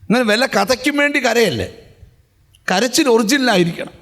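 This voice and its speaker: A man's voice: extremely high pitch, lively intonation, normal speed, a bit bright. A male pastor preaching a sermon and often breaking in with refrains of praise. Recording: hall reverb, church sound system.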